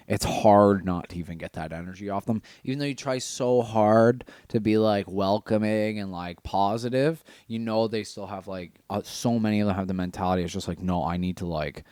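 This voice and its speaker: A man with a very low, deep voice talks in loose, casual podcast chat. He is blunt and swears freely as he tells his stories. The sound is dry and close. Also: dark tone, clear, resonant tone, dry recording. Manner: blunt and profane, storytelling. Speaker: podcast co-host.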